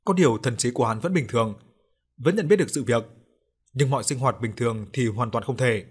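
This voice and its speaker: A man giving steady scripted narration of a ghost story. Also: medium pitch, brisk, slightly rough.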